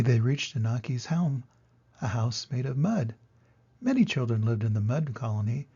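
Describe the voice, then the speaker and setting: An older man with a grandfatherly manner reads a children's storybook aloud expressively, in a gravelly, husky voice. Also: medium pitch, mellow, dull audio. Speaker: storybook reader.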